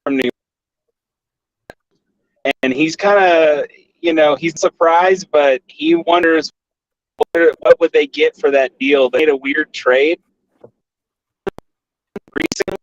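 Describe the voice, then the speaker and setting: A man calling in to a podcast from his car, speaking in a halting, hesitant way during casual sports chat. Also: fairly high pitch. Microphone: phone call. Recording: dull lo-fi phone line.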